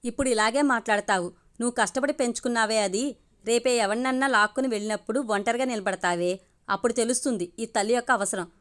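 A woman's voice: on the high side, fast talker, a bit bright, lightly acted. A blunt, scolding grandmother, as a woman reader puts her on. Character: harsh older grandmother, scolding and bitter.

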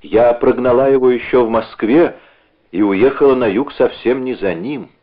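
A man's voice: mid-range voice, normal speed, close to an everyday voice. A man voicing a distraught young woman who pleads with urgent restraint. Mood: pleading. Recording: narrow phone-like audio.

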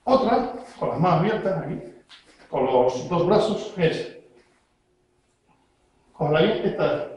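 A man's voice: on the high side, expressive, slow, long pauses, darkish tone. A man, a self-defense instructor demonstrating techniques step by step and checking in constantly with his learner. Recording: very echoey room.

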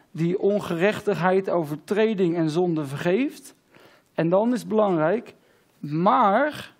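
A man with a Dutch accent preaching an informal sermon, casual and halting, full of fillers and repeated words. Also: high-pitched, darkish tone. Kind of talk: informal sermon on a Bible passage.

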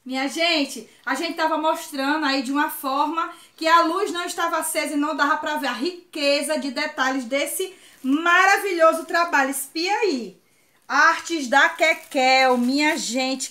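Bright high-voiced Ceará woman vlogging. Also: measured pace, reverberant. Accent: Northeastern Brazilian (Ceará). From Ceará, Brazil. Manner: effusive, chatty, often exclaiming. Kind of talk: excited unboxing vlog.

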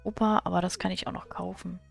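Woman let's-player, gravelly timbre, mid pitch, chatty commentary over faint game music. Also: level tone, fast. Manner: chatty, comments on her plans and reads game text aloud. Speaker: let's play gamer.

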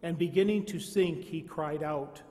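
A man, a priest, reading the Gospel at Mass in a slow, measured way, with a cathedral echo around his voice. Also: on the high side, warm tone. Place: large church. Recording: long cathedral reverb.

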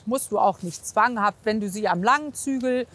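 A horse physiotherapist assessing a horse and rider, she coaches and comments in a casual, reassuring way, encouraging them with plenty of praise. Her mid-range voice is a bit bright and moves at normal speed.

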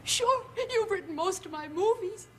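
An actress playing a hysterical, needy middle-aged wife, theatrical and tearful, in a television comedy sketch. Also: female voice, very high voice, animated, normal speed, fairly bright tone, slight background noise. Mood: wounded.

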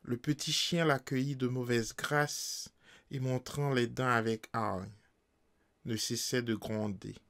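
A man narrating a novel as an audiobook, reading in a slow, measured, deliberate way. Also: medium pitch, fairly even intonation, a bit bright. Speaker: audiobook reader.

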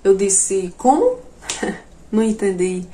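A woman doing a comic storytelling monologue, animated and jumping to shrill outbursts when she quotes herself. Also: takes it slowly, slight background noise. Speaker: comedian. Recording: echoey room.

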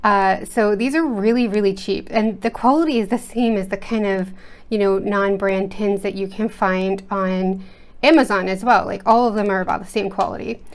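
Working at her home desk indoors, this American art channel host rambles casually through her video in a medium-pitched voice, full of fillers and restarts. The overhead camera setup keeps her off-screen.

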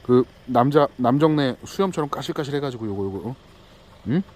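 A man's voice: mid-range voice, animated, fairly quick, darkish tone. A male delivery driver in a casual vlog, cooing and teasing two small dogs outdoors in baby talk. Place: outdoors at a house yard.

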